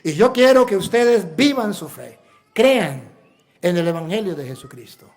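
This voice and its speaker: Emphatic high-voiced Venezuelan priest preaching. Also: male voice, lively intonation, measured pace, soft background music. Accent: Venezuelan Spanish. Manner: emphatic preacher, rhetorical questions and repetition. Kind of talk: sermon.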